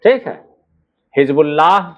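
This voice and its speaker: A man's voice: on the high side, expressive, a bit bright. A man teaching shorthand outlines word by word. He stretches out each word and keeps checking with "ठीक है" and "है ना". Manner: slow, drawn-out words, frequent "ठीक है" and "है ना" checks. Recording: narrow phone-like sound.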